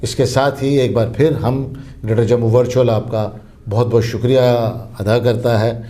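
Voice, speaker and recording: A male interview host with a mid-pitched, mellow, darker voice. He speaks courteously and formally, answers with short agreements, and closes with polite thanks and requests to the audience. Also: steady tone, normal speed. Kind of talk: interview conversation.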